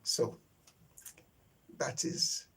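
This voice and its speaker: With drawn-out words and a bright, forceful tone, a young man chats live with his stream viewers, using Nigerian-accented English as a native Yoruba speaker and leaning on plenty of fillers as he hunts for words. A slight hiss or hum is audible.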